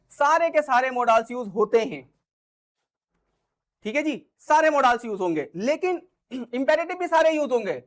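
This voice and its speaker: A man's voice: extremely high pitch, fairly bright tone. A man teaching English grammar in an online lesson, who asks rhetorical questions and keeps checking that the listener is following. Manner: repetitive, checks understanding with frequent "okay?"; rhetorical questions then answers them.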